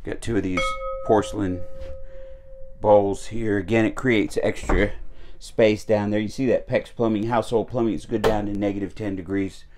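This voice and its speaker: Man, lower-pitched, casual RV tour narration, handheld camera mic indoors. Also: fairly even intonation, moderate pace, darkish tone, faint music behind. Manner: easygoing, chatty, with frequent uh fillers and small restarts. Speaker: RV salesman giving a walkthrough tour. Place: inside a travel trailer. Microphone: handheld camera mic while walking.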